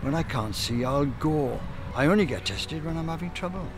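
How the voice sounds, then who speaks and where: A man's voice: a little high, expressive, normal speed. A man in his sixties with a South Wales Valleys accent, giving a testimonial of his views. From Rhondda Valley, South Wales. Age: 60s. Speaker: community member giving views. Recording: music bed behind the voice.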